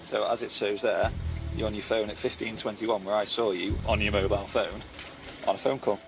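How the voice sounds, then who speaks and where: Fast-talking policeman over music. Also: fairly low pitch, little pitch movement. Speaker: traffic police officer. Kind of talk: casual on-the-job talk. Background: music and vehicle sound.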